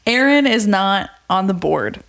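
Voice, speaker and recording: A young woman co-hosts a casual podcast chat. She tells a story with animated energy, slips into the voices of the people she quotes, and fills her talk with "like." Her pitch sits in a middle range for a woman. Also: a little slow, vocal fry, noisy background. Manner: frequent filler "like". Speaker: podcast co-host.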